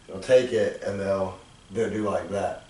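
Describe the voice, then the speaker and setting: A man hosting a casual podcast, telling stories with loud acted-out quotes and casual swearing. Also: low-pitched, measured pace. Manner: animated storyteller, acts out quotes loudly, swears casually. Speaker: podcast host. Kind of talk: casual chat, storytelling. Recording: echoey room, far from mic.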